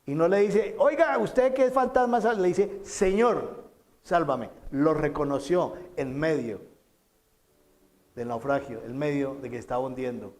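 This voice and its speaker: A male pastor delivers a sermon in a fairly high voice. He repeats phrases for emphasis and acts out quoted lines loudly, then drops to soft, low asides.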